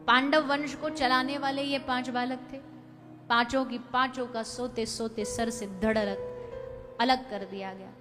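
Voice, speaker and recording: A young woman telling a devotional scripture story as a preacher, dramatic, swelling loud for emphasis and chanting verses. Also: fairly high pitch, fairly even intonation, unhurried, big-room sound, music in the background.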